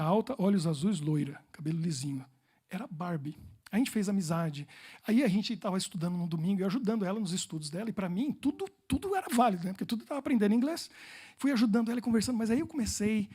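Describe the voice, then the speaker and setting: A man's voice: high voice, mellow, slightly rough. A Brazilian man preaching as a pastor, telling personal stories with humor and playful repetition.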